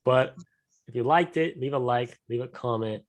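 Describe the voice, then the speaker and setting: A man's voice: mid-range voice, moderate pace. A young man co-hosting a casual podcast chat, easygoing and wry. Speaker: podcast co-host.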